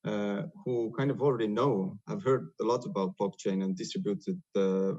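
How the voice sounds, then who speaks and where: A man with an Estonian accent gives a webinar talk in English, his second language, over a video call. His voice sits low and comes through dull and lo-fi. He pauses often on fillers as he explains. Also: steady tone, a little mellow. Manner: hesitant, many "uh" fillers and restarts. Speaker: software developer presenting on a webinar. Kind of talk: webinar presentation.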